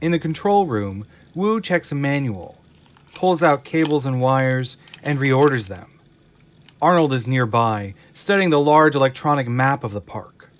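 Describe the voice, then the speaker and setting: Over music and sound effects, a man narrates an audio drama with dramatic scripted lines. His mid-range voice is animated and unhurried.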